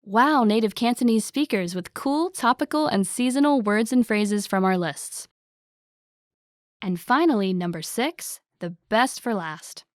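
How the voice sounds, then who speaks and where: An upbeat woman reads a scripted promo in a brisk, salesy tone. Her voice sits a little high. The recording is dry and close, with no room sound. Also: lively intonation, no room sound. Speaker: ad announcer.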